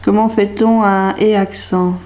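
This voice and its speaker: The speaker is a woman from France who makes craft videos, quietly muttering her uncertain thoughts while trying a label maker. She talks a little slowly at a medium pitch, with little variation and a dark tone.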